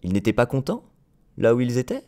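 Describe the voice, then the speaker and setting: Earnest young boy prince, gentle and wondering, read by a man, lively storybook delivery. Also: mid-range voice, brisk, pitched above the performer's own voice. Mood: curious.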